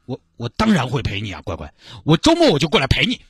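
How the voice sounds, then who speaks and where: A sheepish young boyfriend who keeps apologising in a pleading, placating tone, as a man plays him. The voice is slightly husky, with lively pitch, and is recorded dry and close. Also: fast, no echo, full character voice.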